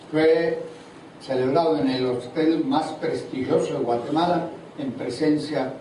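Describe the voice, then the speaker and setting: At a church seminar, an older man delivers a sermon in a slightly high, mellow voice, questioning the congregation along the way. The recording comes from a distance in a big hall, so it sounds echoey and carries audible noise.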